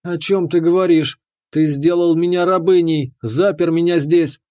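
A man's voice: a little high, steady tone, moderate pace, a little mellow, no room sound, studio quality, voice pushed up, lightly acted. A man voicing a young female fire fairy princess who cries out in desperate, tearful outbursts. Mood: defiant. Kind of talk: audiobook character voice.

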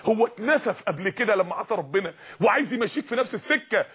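An Egyptian man delivers a fervent sermon in a very high, husky voice. He talks fast and pleads with his listeners, and his voice swells into shouts now and then. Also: expressive. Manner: impassioned, pleading, at times shouting. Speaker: preacher. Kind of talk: sermon to young people.

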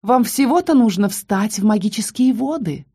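A woman's voice: mid-range voice, expressive, moderate pace, dark tone, breathy edge. A woman voicing an icy, snarling villain count. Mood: cold. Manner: irritated, icy, snapping. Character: cruel cold male count, villain.

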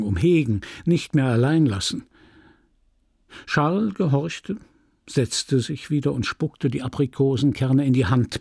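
A man reading a classic novel aloud as an audiobook, with dramatic, measured storytelling on a close studio mic. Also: medium pitch, creaky, a little mellow, breathy edge, dry recording. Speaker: audiobook reader. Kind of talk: literary audiobook narration.

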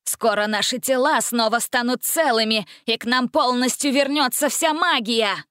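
A vengeful witch gloats over her coming return to power, as a woman reading the tale puts her on. The voice sits a touch higher and louder than plain narration, with a threatening edge. It is recorded dry and close. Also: moderate pace, smooth, no room sound, natural voice. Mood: gloating. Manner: menacing, triumphant.

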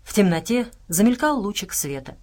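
Steady woman narrating an audiobook. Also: medium pitch, moderate pace.

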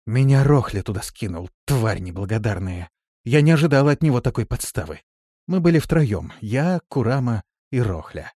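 A man's voice: mid-range voice, big pitch swings, normal speed, dark tone, no echo, clean studio sound. A man reading an audiobook, voicing a frightened, wily woman just pulled from a well, in a raised, strained voice. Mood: bitter. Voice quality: hoarse when rescued. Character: frightened, wily dark-skinned woman, soaked and exhausted. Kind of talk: audiobook character voice.

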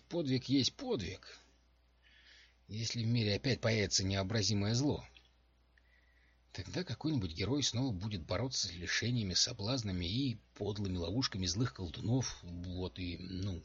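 A man voicing a blunt, hot-tempered woman warrior in a husky voice on a dull home recording. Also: on the low side, normal speed, fairly bright tone, dry recording. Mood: irritated.

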